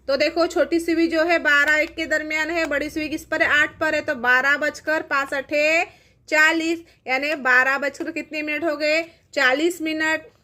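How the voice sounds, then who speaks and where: High-voiced woman teaching clock times. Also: sharp tone. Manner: patient, asks and answers her own questions. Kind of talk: classroom math lesson.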